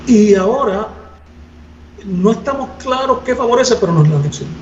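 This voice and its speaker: A man explains at length in an academic seminar, pausing often to find his words. His voice sits fairly high and sounds distant in a roomy space. The recording is muffled, with faint noise underneath. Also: lively intonation. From Puerto Rico. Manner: measured, thoughtful, frequent hesitations. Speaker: guest lecturer.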